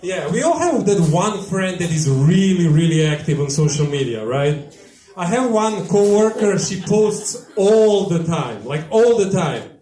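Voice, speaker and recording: A man with a Yugoslav accent works a live stand-up set in a small tavern, his voice sitting fairly high for a man. He delivers dry, deadpan one-liners into a handheld mic. The room around him is echoey and bouncy. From former Yugoslavia. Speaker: stand-up comedian.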